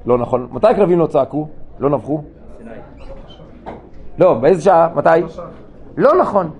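A man giving an informal Torah class to yeshiva students, asking them questions and joking as he teaches. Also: on the high side. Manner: lively, asks students questions, jokes. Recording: dull lo-fi room recording with faint noise.

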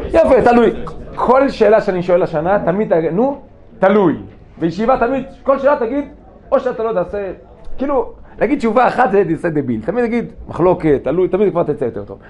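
Male rabbi, casual teaching voice, quizzes students, slightly high pitch, muffled lo-fi recording with light hiss. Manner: lively, asks students questions, jokes. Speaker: yeshiva rabbi giving a class. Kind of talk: informal Torah class to students. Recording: dull lo-fi room recording with faint noise.

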